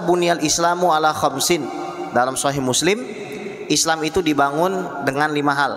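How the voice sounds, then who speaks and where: Man, preacher, fairly high voice, asks and answers questions, long hall echo. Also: a bit bright. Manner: asks the audience questions and answers them himself. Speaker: Islamic preacher. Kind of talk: religious lecture. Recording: echoey hall reverb.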